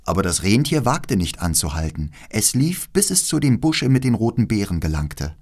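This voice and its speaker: A man reading a fairy tale aloud as an audiobook narrator, with measured, expressive storytelling. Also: lowish voice.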